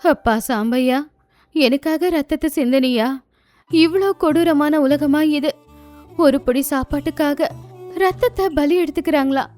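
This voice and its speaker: A woman voicing a grieving elderly mother in an animated story, with a slow, sorrowful lament. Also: sits high, soft background music.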